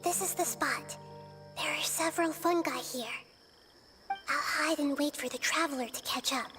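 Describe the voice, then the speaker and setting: An actress voicing a gentle, girlish young god who speaks softly and thoughtfully, over game music. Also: high voice, moderate pace, natural voice. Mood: calm. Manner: soft, thoughtful, sighs from tiredness. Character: gentle girlish god in small form, calm.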